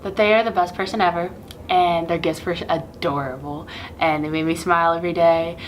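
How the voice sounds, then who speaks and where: A woman's voice: lowish voice, steady tone, a little fast, slight background noise, poor audio. A young woman talking casually to camera as a new sorority member, in a bubbly, gushing sorority-girl manner. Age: young adult.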